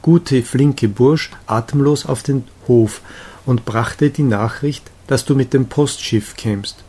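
A man reading a gentle, cheerful young woman's chatty, confiding lines in an audiobook of a romantic novella. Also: mid-range voice, takes it slowly, breathy edge. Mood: fond.

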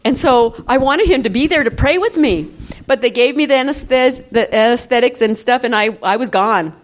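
A woman in her fifties telling a personal testimony in church, in an animated, chatty storytelling way with frequent laughter. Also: a little high, normal speed. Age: 50s. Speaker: church member giving a testimony.

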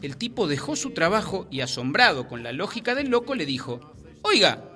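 A man telling jokes on a radio show, switching between lively narration and put-on voices. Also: on the high side, a little fast. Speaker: joke teller. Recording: radio show over music.

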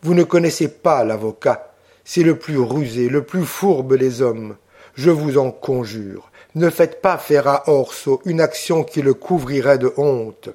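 Fierce young Corsican woman, vehement and pleading; a man voices her, slightly high voice. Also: expressive, measured pace, a little mellow. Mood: insistent.

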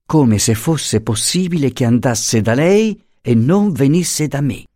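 A man voicing a cold, grieving young mother who speaks with flat, icy contempt, in a dry audiobook reading. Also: medium pitch, takes it slowly, no room sound, voice pushed up. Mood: scornful.

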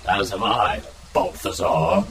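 An actor playing a melodramatic hero-rival who speaks in theatrical mock-archaic bombast. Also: male voice, sits low, takes it slowly, a crowd in the background. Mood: dueling.

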